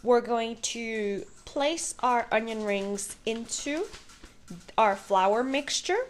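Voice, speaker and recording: A woman's voice: fairly high pitch, slow. A young woman, the daughter, hosting a casual cooking vlog from a home kitchen with a bubbly, playful manner. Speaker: vlogger, daughter.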